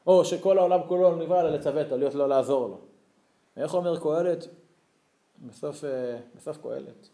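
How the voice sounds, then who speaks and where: A man's voice: fairly high pitch, mellow, reverberant. A man giving a religious Torah lesson, telling stories expressively and rising to emphatic peaks. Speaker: Torah teacher.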